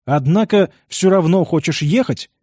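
A man's voice: on the high side, expressive, moderate pace, a little mellow, no echo, voice pushed up. A man reading the part of a strict middle-aged uncle who speaks curtly and dryly. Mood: grudging. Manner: curt, dry, reluctant.

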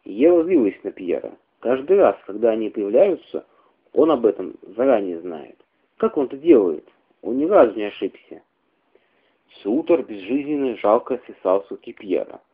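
A man reading a literary story aloud in a measured, expressive way. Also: lowish voice, husky. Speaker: reader. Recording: tinny phone-like radio recording.

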